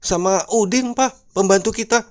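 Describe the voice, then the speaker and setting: A man voicing a tearful young wife who phones her husband, talking in a high, plaintive, whiny way. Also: moderate pace, natural voice. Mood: upset, plaintive.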